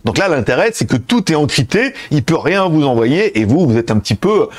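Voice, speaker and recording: Fast-talking animated man reviewer. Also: a little high. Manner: chatty, addresses viewers directly. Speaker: tech reviewer. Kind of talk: casual tech review.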